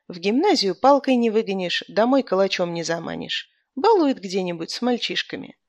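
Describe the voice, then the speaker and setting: A harried housewife and mother, as a woman reader acts her out, brisk and scolding. She barks short orders. The recording is dry. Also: medium pitch, expressive, no room sound.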